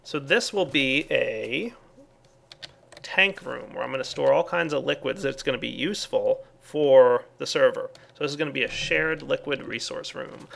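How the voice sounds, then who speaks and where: A man's voice: medium pitch, moderate pace, vocal fry, fairly bright tone. A man casually commenting on his game as he plays, thinking aloud with lots of fillers. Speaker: let's play host.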